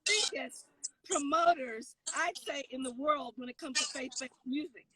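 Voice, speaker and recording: A woman's voice: high voice, normal speed, fairly bright tone, dry recording, distant mic, poor audio. A woman co-hosting a casual livestream chat from a car, out of breath and gushing with enthusiasm. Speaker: co-host.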